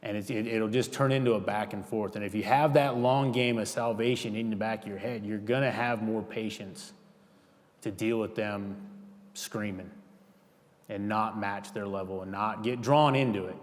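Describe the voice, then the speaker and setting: A man talks a church group through safety training in a loose, conversational way, stopping and restarting his sentences. His voice sits a little low. The sound carries a long reverb from the hall. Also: steady tone, normal speed. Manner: casual, rambling with many restarts.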